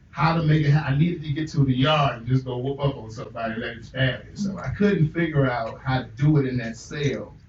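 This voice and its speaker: An earnest, reflective man tells his story candidly in an interview, often sinking into a quiet tone. He sits far from the mic in a roomy space. The recording is dull and lo-fi with a faint hiss. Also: medium pitch. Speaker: author and minister, interview guest.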